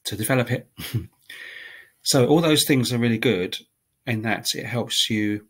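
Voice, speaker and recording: This man vlogs about language learning, speaking to camera in a mid-range, husky voice at a slightly slow pace. Chatty and relaxed, he moves through numbered points with plenty of ums and restarts.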